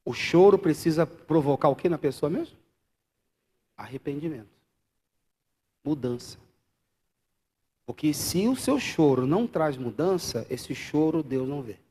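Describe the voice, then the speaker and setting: A man with a Brazilian Portuguese accent preaching a live church sermon, swinging from loud exclamations to quiet asides and bantering with the congregation. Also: fairly high pitch. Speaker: pastor.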